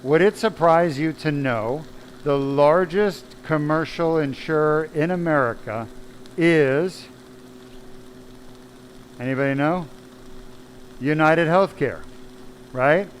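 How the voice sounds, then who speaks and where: A man's voice: a little high, slow pace, long pauses, a little hiss or hum, poor audio. A man, a spine surgeon, giving a blunt, emphatic live question-and-answer talk full of rhetorical questions.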